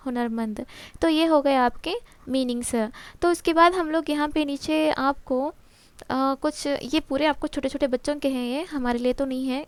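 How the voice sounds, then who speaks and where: An exam-prep teacher, a woman with a high voice, walks through a textbook lesson, asking her own questions and answering them while mixing in English terms. There's no echo.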